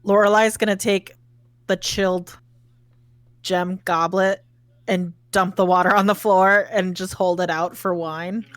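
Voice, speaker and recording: Slow-talking woman playing a tabletop game. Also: medium pitch, steady tone, dry recording. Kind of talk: casual game chat, describing her character.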